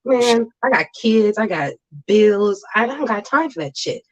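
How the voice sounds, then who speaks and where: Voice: mid-range voice, lively intonation, measured pace. Blunt, slangy guest, dull lo-fi sound. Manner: slangy, blunt, swearing, repeats phrases for emphasis. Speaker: guest on a livestream. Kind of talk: casual chat.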